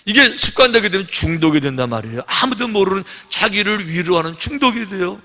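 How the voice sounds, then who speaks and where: High, bright-voiced preaching pastor. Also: male voice, lively intonation, fairly quick. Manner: conversational preaching, rhetorical questions, acts out children's voices. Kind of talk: sermon. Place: church sanctuary. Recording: long reverb of a church hall.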